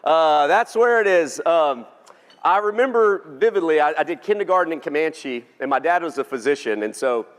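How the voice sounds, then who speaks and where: A man with a Texan drawl delivers a lighthearted keynote, cracking jokes and polling the crowd. His voice sits a little high for a man. The sound rings with the long reverb of a large banquet hall. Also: animated, normal speed. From Texas. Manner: folksy, joking, engages the audience. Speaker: keynote speaker. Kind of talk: humorous keynote speech.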